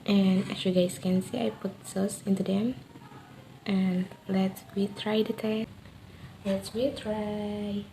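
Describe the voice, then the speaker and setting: A woman with an Indonesian accent doing a casual food review vlog in simple, halting non-native English. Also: mid-range voice, level tone, creaky, mellow. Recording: echoey room with faint background noise.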